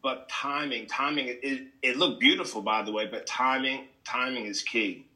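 A man speaks earnestly about respect in the business, often hesitating and restarting. His voice is bright and forceful, at a middle pitch. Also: moderate pace, rough recording. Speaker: veteran pro wrestler guest. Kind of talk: casual interview chat.

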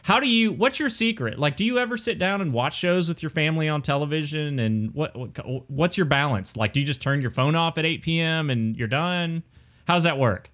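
A man's voice: a little high, lively intonation, brisk, a bit bright. Casual rambling male interviewer. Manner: rambling, conversational, circles toward questions. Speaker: interviewer, host.

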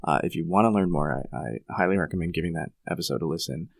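A man co-hosting a podcast, talking in a relaxed, conversational way. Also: low-pitched, quick pace, creaky, no echo. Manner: relaxed, conversational, uses fillers. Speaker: podcast co-host. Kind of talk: casual podcast chat.

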